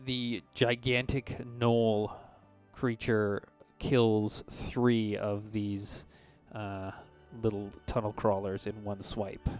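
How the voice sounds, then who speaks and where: A man acting as game master, improvising narration of tabletop combat in a halting but descriptive way. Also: on the low side, little pitch movement, darkish tone, clear, resonant tone, soft background music.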